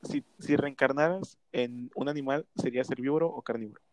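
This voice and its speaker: A man's voice: medium pitch, fairly quick, darkish tone, no room sound. A young man with a Mexican Spanish accent, co-hosting a casual podcast, joking and teasing and laughing often. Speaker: podcast co-host.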